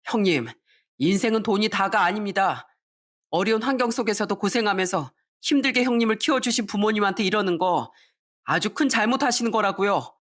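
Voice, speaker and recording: A woman's voice: medium pitch, fairly quick, close to an everyday voice. An indignant young man, voiced by a woman, earnest and reproachful as he lectures an older relative. The tone is firm and disappointed.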